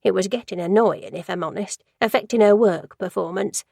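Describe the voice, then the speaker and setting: In a storybook reading, a woman voices a gossipy, judgmental older office worker who rambles and gets easily sidetracked, sounding indignant. Her mid-range voice is brisk, creaky and a little mellow. The recording is dry, with clean studio sound.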